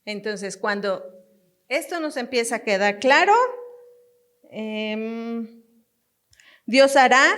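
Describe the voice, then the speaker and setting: Slow, emphatic woman pastor. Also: on the high side. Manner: emphatic and repetitive, addressing parents directly with light laughter. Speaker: pastor and teacher. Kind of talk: family teaching sermon.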